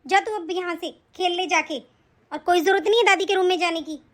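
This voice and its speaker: A harsh, nagging daughter-in-law, as a woman plays her in an animated story. She scolds in a sharp, complaining tone. The voice is very high. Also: brisk. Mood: scolding. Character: cruel, scolding young daughter-in-law, mother.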